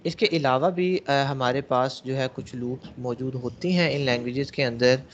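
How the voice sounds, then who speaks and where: A programming teacher lectures a classroom of students in a mid-range voice at normal speed. He explains things step by step, posing questions to the class and answering them himself. The recording is dull.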